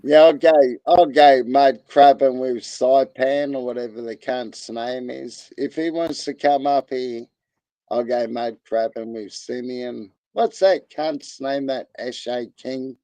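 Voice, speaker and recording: Man, Australian accent, unhurried pace, dry close sound, crude joking, rough slang. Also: mid-range voice, fairly even intonation, dark tone, dry recording, poor audio. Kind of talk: casual chat.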